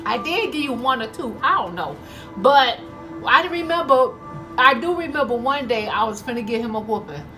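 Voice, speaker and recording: A woman's voice: fairly high pitch, animated, moderate pace, sharp tone, soft background music. A woman telling stories casually to her viewers in a conversational way while eating, acting out bits of dialogue. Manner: conversational, addresses viewers as y'all, acts out dialogue. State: eating, chewing between phrases. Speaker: mukbang vlogger.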